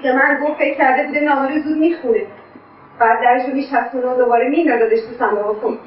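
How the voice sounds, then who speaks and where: A woman's voice: high-pitched, natural voice. An actress playing a grown daughter who accuses her mother and recounts events, in a radio drama. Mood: recounting. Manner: accusing, reproachful. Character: grown daughter, reproachful and emotional. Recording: echoey, distant, dull lo-fi sound.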